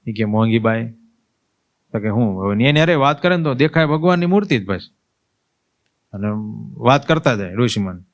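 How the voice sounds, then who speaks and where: A swami giving a sermon. He tells a devotional story in a lively way, acts out its people's voices, and turns to his listeners with questions such as "understood?". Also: medium pitch, a little fast, long pauses. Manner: storytelling, acts out the old woman's cries and dialogue; asks listeners rhetorical questions. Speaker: swami giving a religious discourse.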